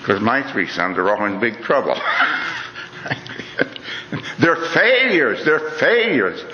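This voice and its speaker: A middle-aged man lectures an audience slowly and reflectively, his medium-pitched voice bright and forceful, with huge swings in pitch. He talks earnestly and conversationally, frequently saying "you know" and starting phrases over. The recording is dull and lo-fi, made in a reverberant hall, with slight hiss or hum.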